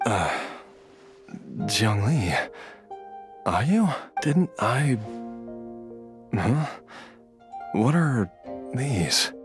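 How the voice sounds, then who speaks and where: Mild humble father, mid-pitched, expressive intonation, hesitant, video game, music behind. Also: very slow, long pauses. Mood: bewildered. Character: gentle, humble revived father, newly an undead.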